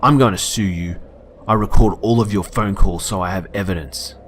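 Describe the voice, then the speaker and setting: A man voicing an aggressive man who shouts demands and threats. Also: low-pitched, normal speed, a little hiss or hum. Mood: shouting.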